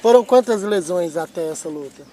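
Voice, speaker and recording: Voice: medium pitch, lively intonation, a little fast, mellow. Interviewer asking brief questions. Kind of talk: casual interview.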